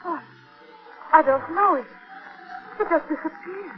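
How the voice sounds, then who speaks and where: A woman's voice: very high-pitched, a little slow. A woman playing an anxious, hesitant young traveler in a 1940s radio drama. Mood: nervous. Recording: noisy muffled old radio recording.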